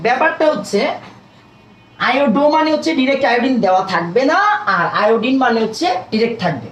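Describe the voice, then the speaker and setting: A man's voice: very high-pitched, fairly bright tone, slight background noise. A young man, teaching a live online chemistry class. He talks casually and keeps throwing questions at his students. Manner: quick, chatty, keeps prompting students with questions. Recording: roomy echo.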